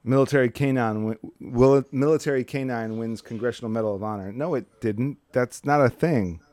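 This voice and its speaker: A man's voice: mid-range voice, brisk, a little mellow, no echo. A man co-hosting a podcast in loose, profane, joking chat. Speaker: podcast co-host. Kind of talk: casual chat.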